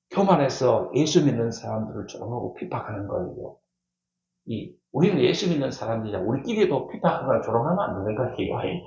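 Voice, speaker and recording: A middle-aged male pastor preaches in a church. His pitch swings widely as he hammers home repeated key words and throws questions to the congregation. The sound is dull and lo-fi, with a strong echo from the hall. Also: vocal fry, darkish tone. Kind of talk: sermon. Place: church sanctuary.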